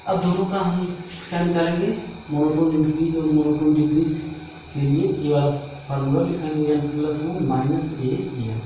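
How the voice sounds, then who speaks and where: Male math teacher, a touch high, mellow tone, quizzing the class step by step; distant, echoey room sound. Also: moderate pace. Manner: steady step-by-step explaining, quizzing the class with rhetorical questions. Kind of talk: blackboard math lesson. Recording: echoey room, voice from far off, faint noise.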